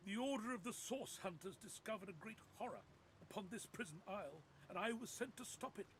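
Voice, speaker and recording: A courtly knight from a thousand years past, pinned in place by a spear and speaking in formal, old-fashioned phrases. The voice sits high and moves in lively swoops. It comes from a video game cutscene. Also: male voice, brisk, slight background noise. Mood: pleading. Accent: a distinct accent. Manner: archaic, formal, pleading speech.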